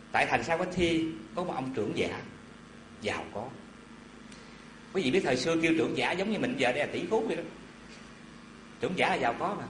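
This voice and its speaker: A man giving a Buddhist dharma talk, telling a story in an animated, folksy way with asides to his listeners. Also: a little high, a little hiss or hum. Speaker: Buddhist preacher. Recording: echoey hall with faint ambience.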